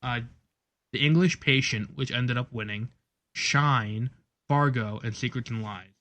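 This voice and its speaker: A man's voice: medium pitch, a little slow, a bit bright. A man co-hosting a casual movie podcast, rambling with many ums and getting exasperated. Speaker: podcast co-host. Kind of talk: casual chat.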